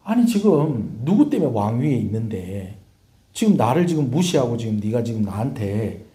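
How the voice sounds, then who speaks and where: A man's voice: mid-range voice, sing-song, normal speed, warm tone, roomy sound, voice pushed down, natural voice. A male pastor voicing an indignant male army commander who scolds his king.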